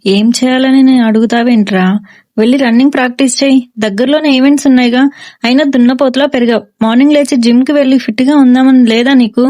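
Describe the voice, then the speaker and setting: A woman voicing a stern, middle-aged police officer father who scolds and shouts orders at his son, in a storybook reading. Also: high voice, fairly even intonation, fast, natural voice. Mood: scolding.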